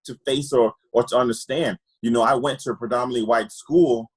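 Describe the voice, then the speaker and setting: A husky man's voice of medium pitch, fairly even and fairly quick, on a poor recording. He's an optometrist from Trinidad, appearing as a guest and earnestly sharing candid personal stories, often repeating words while he hunts for them.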